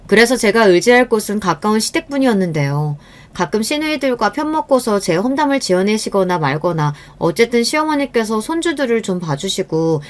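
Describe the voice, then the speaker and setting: A middle-aged woman telling a first-person story in a calm, confiding, rueful tone. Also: medium pitch. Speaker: story narrator.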